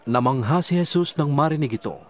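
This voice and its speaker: A man's voice: a little high, fairly quick, some chatter behind. A man reading a Bible narration, telling the story steadily. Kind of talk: scripted narration. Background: music.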